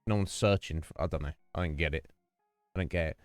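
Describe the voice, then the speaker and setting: A man with a rumbling low, clear, resonant voice talks fast while hosting a livestream, with no room sound and faint music behind him. Speaking into a noise-gated desk mic, he chats casually with viewers, rambling and restarting sentences as he goes.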